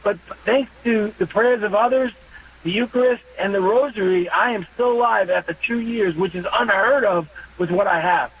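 Man, fifties, radio caller: earnest, reflective, higher voice, muffled lo-fi line. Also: moderate pace, husky. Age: 50s. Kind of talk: call-in radio talk. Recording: muffled phone-in line with faint noise.

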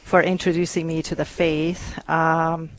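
A woman from Hungary, a guest on a radio show, telling her story earnestly with many pauses and ums. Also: low-pitched, level tone, slight background noise. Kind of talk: interview conversation.

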